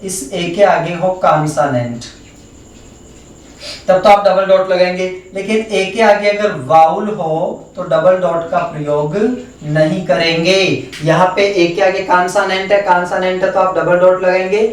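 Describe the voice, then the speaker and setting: A man teaching a phonetics lesson in a Hindi accent, slowly repeating words and sounds one by one as he transcribes them. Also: high-pitched, fairly even intonation. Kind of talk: phonetics lesson for exam students. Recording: echoey room, voice from far off the mic.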